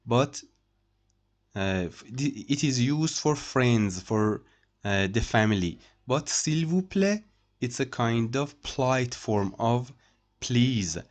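A man's voice: mid-range voice, lively intonation, slow. A man teaching French over a screen recording, repeating each phrase and translating it. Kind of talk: screen-share language lesson.

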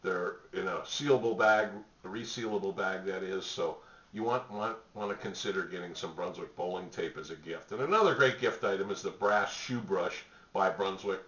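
A middle-aged man pitching gift products to the camera from a small home office, relaxed and rambling with many fillers. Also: moderate pace. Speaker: store spokesman presenting products. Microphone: webcam at desk distance. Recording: roomy, distant, dull webcam audio.

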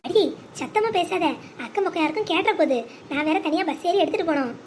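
A woman playing a nervous village husband in a cartoon, voiced unusually high and brisk. He keeps his voice low and secretive, full of worry. A faint hiss sits under the voice. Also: animated. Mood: hushed. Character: anxious middle-aged village husband, cautious and secretive. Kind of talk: animated storytelling.

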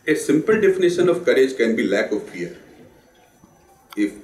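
A man with a husky voice, hoarse from a sore throat and flu, giving a formal memorial lecture in a measured, earnest way. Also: medium pitch, sing-song, darkish tone, distant mic. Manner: measured, earnest, with pauses and restarts. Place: lecture hall. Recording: roomy hall sound, speaker off the mic.

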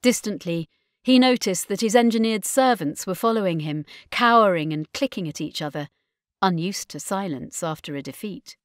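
A woman narrating an audiobook in a measured, dramatic storytelling manner. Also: mid-range voice, lively intonation, no room sound, studio quality. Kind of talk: scripted narration.

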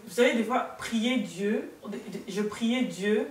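A woman's voice: fairly high pitch, takes it slowly. Earnest woman sharing her story, roomy distant sound. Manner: hesitant, many restarts and fillers, earnest. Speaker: guest. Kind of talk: personal testimony in an interview. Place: studio set with sofa, indoors. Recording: roomy, distant, faint room noise.

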